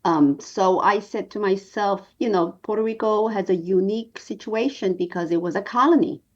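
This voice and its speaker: In an interview, a New York documentary producer in her sixties tells her story in an earnest, measured way, pausing often. Her voice sits at a medium pitch with a slightly mellow quality, and the audio is dull.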